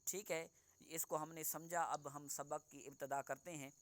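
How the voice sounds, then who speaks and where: A man teaching Quran reading in an online lesson, patiently explaining and then slowly modelling each sound for the student to repeat. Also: on the high side, steady tone, a bit bright.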